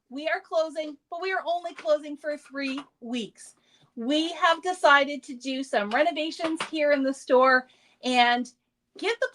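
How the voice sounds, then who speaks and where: A woman with a high, bright-sounding voice hosts a craft shop's live show. She chats in a casual, upbeat way and teases a little as she talks through products and store dates. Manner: chatty, upbeat, teasing. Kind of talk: casual livestream product chat.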